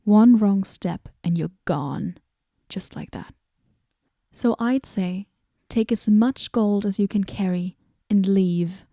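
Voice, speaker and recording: This is a moody goddess voiced by a woman in a whispered role-play. She speaks slowly in a dark, mellow tone, deadpan and sarcastic, slipping into soft whispers. The sound is close and dry, with no room around it. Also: mid-range voice, no room sound. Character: moody, aloof female goddess, sardonic.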